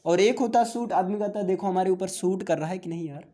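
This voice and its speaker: A man's voice: high voice, dark tone. A man teaching an English grammar lesson. He explains step by step, mixing English terms into his talk, asking questions and answering them himself. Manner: mixes English terms into Hindi, reads English lines out slowly. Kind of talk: classroom-style grammar lesson.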